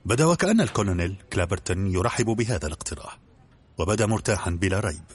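A man narrating an audiobook in a brisk, even storytelling manner. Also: deep voice, slightly rough.

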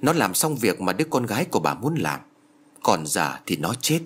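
A man voicing a solemn old male spirit messenger who speaks in a measured, grave way. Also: mid-range voice, very animated, husky.

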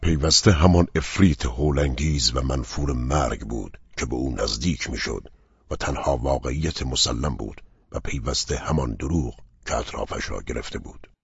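A man narrates an audiobook in a grave, measured way. His voice is extremely deep and full of fry, with a very husky grain. It is recorded close and dry, and the sound is dull and lo-fi. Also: no room sound. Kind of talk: scripted narration.

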